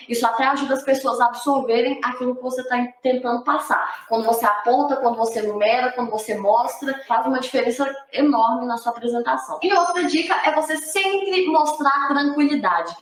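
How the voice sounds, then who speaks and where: High-voiced woman teaching, echoey room. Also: far from the mic. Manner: lively, demonstrates by changing her own delivery. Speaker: teacher giving presentation tips. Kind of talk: instructional talk in a played video.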